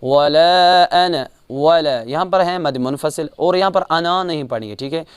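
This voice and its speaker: A man with a Kashmiri accent teaching Quran recitation rules, explaining calmly and chanting each verse slowly, repeating sounds to correct mistakes. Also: a little high, clean tone, no room sound. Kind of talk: tajweed lesson with chanted examples.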